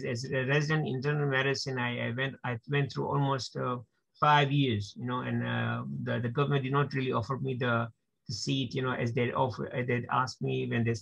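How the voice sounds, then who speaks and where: A man in his sixties from Kenya, a doctor speaking as an interview guest over a video call, halting and repeating words as he talks. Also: mid-range voice, creaky, fairly bright tone. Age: 60s. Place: small room at home, indoors. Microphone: laptop mic on video call. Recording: dull lo-fi video call audio.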